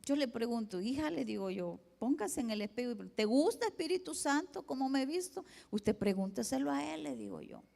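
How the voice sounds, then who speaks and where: A woman's voice: high voice, expressive, fairly quick, creaky, few pauses, dark tone. A middle-aged woman pastor from El Salvador preaching a sermon, talking with emphasis and often calling the congregation her brothers and sisters. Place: church sanctuary. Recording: long church reverb.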